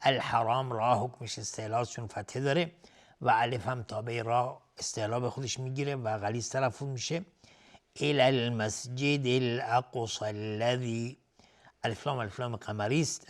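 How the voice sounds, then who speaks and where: Man teaching Quran recitation, slow then quick. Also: medium pitch, steady tone. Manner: recites verses slowly, then explains rules quickly. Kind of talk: tajweed lesson with slow recitation. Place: TV studio.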